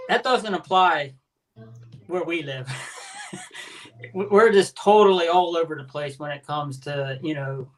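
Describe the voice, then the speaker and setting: A man's voice: fairly high pitch, fairly bright tone. A man from Maryland with a Baltimore accent, chatting casually in a group live chat. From Maryland, USA. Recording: faint background noise.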